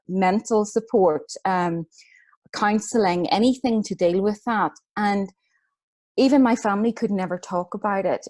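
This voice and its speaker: A middle-aged woman with a Northern Irish accent, an author telling her personal story in a soft, reflective way. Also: medium pitch. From Northern Ireland. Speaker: guest speaker, author and book coach.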